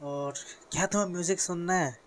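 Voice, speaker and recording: A man's voice: sits high, brisk. A teenage boy from India talks through a mobile game tutorial in a casual, rambling way, full of fillers and self-corrections. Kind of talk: casual screen-recorded tutorial. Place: bedroom with a fan running.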